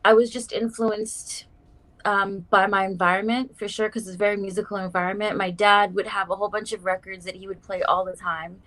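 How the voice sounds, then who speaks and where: A young adult South African woman, a guest musician, chats casually in an interview. Her mid-range voice is steady and fairly quick, and her chatty talk is full of warm fillers like "like" and "um."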